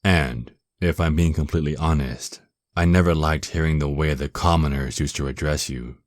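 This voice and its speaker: A man playing a dominant, seductive, menacing male vampire lord in an ASMR roleplay, with a very deep voice and a possessive, taunting, mock-tender manner. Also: moderate pace, no room sound, studio quality. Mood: haughty, commanding. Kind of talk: ASMR roleplay, intimate scripted monologue.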